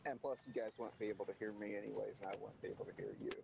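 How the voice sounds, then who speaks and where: A man talking through a phone earbud in an easygoing, chatty way. His voice is gravelly, and the line carries clear noise behind him. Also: lowish voice, steady tone, rapid-fire. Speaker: friend on voice chat. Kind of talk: casual chat. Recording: noisy phone voice chat.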